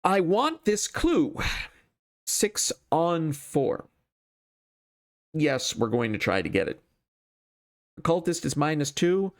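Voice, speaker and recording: A man's voice: fairly high pitch, sing-song, slow, long pauses. A man thinking aloud as he hosts a solo card game playthrough, casual and wryly self-deprecating.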